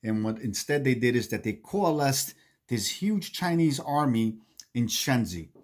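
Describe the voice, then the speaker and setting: A man hosting a board-game series, giving a casual recap in a halting way, repeating himself and checking in with "okay". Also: mid-range voice, lively intonation. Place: indoor home game room he calls the bunker.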